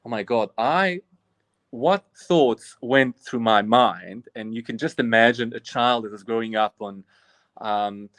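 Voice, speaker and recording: Man, about 40, priest, earnest, restarts, mid pitch, dry close sound. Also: measured pace, fairly bright tone, no room sound. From Bosnia. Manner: earnest and reflective, frequent restarts. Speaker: Orthodox priest, guest. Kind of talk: personal storytelling in interview.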